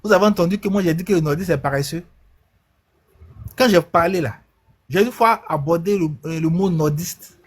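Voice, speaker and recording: A husky-voiced man argues his case on a live debate panel. His voice sits high for a man, and he is defensive and insistent throughout. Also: normal speed, pauses often. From Côte d'Ivoire.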